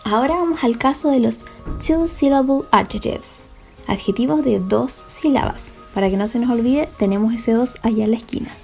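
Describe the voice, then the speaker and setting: A woman teacher explains a lesson slowly, step by step, in a fairly high, mellow voice. She often pauses to check that her students follow. Soft music plays faintly behind her. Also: gravelly. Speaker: English teacher. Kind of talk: recorded classroom lesson.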